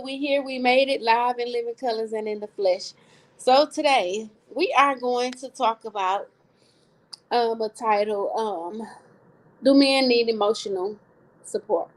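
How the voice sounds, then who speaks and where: A woman's voice: a little high, rough recording. A woman co-hosting a live online talk show, speaking earnestly and repeating phrases for emphasis. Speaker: co-host. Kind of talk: casual live-stream talk.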